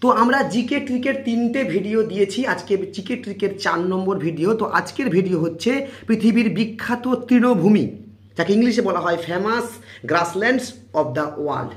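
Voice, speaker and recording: A man's voice: high-pitched, normal speed. A man teaching a general-knowledge lesson on video, drilling memory tricks with repeated questions and answers. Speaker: quiz teacher.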